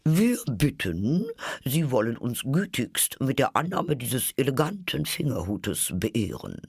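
A woman's voice: a bass voice, very animated, measured pace, gravelly, a little mellow, husky, no echo, clean studio sound, voice pushed up, full character voice. A woman voicing a solemn, ponderous male dodo bird in an audiobook.

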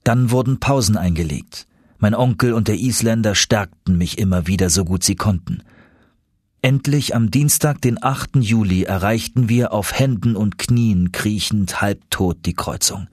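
A man narrating an adventure audiobook in the first person, measured and steady. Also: lowish voice, dry recording, studio quality. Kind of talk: audiobook reading.

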